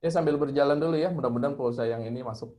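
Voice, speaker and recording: Over an online live video call, a man shares tips as a guest storyteller in a casual talk. His mid-range voice is mellow yet racing, and he's informal and hesitant as he searches for words.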